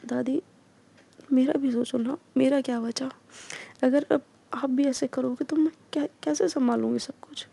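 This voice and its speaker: A woman's voice: high voice, steady tone, measured pace, creaky, warm tone, husky, full character voice. Woman doing a weary caring young woman. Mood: tearful.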